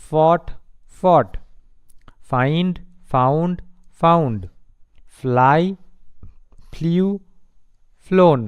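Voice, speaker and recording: A man teaching English verb forms in a classroom lesson, slowly repeating words and spelling them out letter by letter. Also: a little high, a little mellow, clean tone, no room sound. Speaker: English tutor. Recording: slightly dull lo-fi recording.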